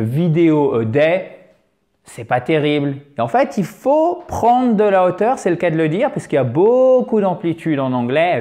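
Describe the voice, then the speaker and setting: A man teaching English pronunciation in French, his native tongue, with animated, exaggerated drills. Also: a little high. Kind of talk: video lesson in French.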